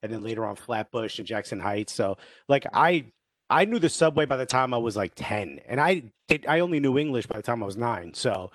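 A man with a New York accent tells stories in a relaxed group chat and jumps into the voices of the people he quotes. His voice sits at a middle pitch, and the recording is close and dry. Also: brisk, dry recording. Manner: animated storytelling, acts out quoted voices. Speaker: podcast co-host. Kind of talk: casual chat.

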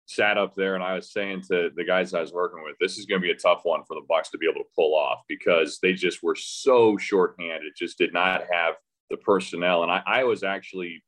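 A brisk, low-voiced man with a steady, fairly bright tone appears as a podcast guest; he's a radio play-by-play announcer. The casual interview centers on the game, and he's conversational and hesitant, restarting often as he thinks aloud.

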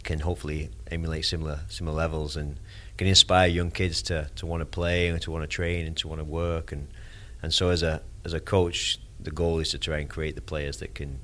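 A man with an extremely deep voice and little melodic movement. He speaks reflectively and haltingly, like a coach explaining his philosophy in an interview. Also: flat delivery, a bit bright. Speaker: soccer coach. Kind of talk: interview answer.

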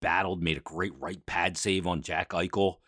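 A man's voice: sits low, fairly even intonation, moderate pace, bright, forceful tone, no echo, studio quality. A man hosting a sports podcast, giving a conversational, explanatory solo recap with emphatic asides.

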